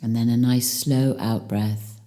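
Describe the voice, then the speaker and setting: Leading a guided meditation, this woman has a bass voice. Her delivery is calm and soothing, with long silences separating each phrase.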